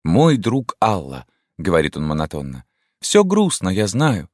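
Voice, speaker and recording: A man reading an audiobook voices a sad young woman telling a dream, in a soft, wistful manner. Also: low-pitched, wildly swooping pitch, normal speed, no room sound, studio quality, voice pushed up. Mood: dreamy, wistful.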